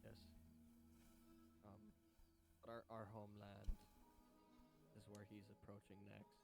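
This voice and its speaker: A man playing a tabletop role-playing game, calm and plainly spoken. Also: on the low side, slow pace, vocal fry. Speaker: player. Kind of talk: casual tabletop play. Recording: loud music behind.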